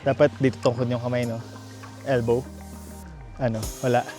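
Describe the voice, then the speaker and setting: A man's voice: mid-range voice, level tone, brisk, over music. A man with a Filipino accent chatting casually as a vlogger on location outdoors. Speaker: vlogger learning to ski.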